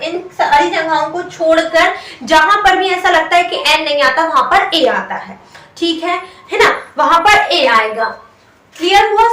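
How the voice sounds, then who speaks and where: A woman's voice: very high-pitched, pushed and bright. A woman teaching a grammar lesson to her students. She explains patiently, asks her own questions and answers them, and says "theek hai" after each point. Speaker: English teacher. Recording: roomy echo from a distant mic.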